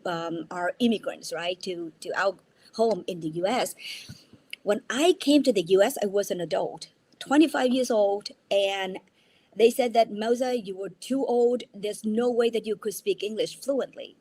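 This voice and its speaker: Here a medium-pitched, slightly mellow and rough female voice comes through a rough recording with no room sound. She's a jet-lagged Vietnamese entrepreneur in her fifties, a native Vietnamese speaker, earnestly recounting her story as a guest in a casual video-call interview from her mother's house, restarting words and adding "right?" to her sentences.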